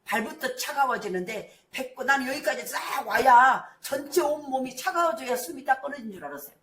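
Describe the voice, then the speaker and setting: High-voiced woman pastor preaching in an echoey church. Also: expressive, fairly quick. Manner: impassioned preaching, swinging from hushed storytelling to shouted declarations. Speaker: senior pastor. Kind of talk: sermon. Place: church sanctuary.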